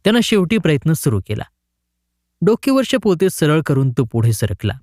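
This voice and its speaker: Expressive male storyteller. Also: on the high side, normal speed, no echo, studio quality. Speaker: narrator. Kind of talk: scripted story narration.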